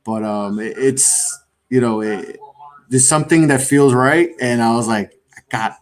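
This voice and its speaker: A man's voice: medium pitch, measured pace. A man who runs a podcast network, chatting casually in a rambling way with many restarts. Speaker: network founder and guest.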